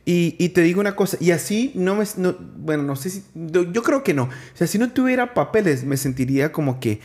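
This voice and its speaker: A man from Colombia hosting a casual interview, chatty, with quick restarts, who acts out the quotes he tells. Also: sits high, expressive, darkish tone. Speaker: podcast host.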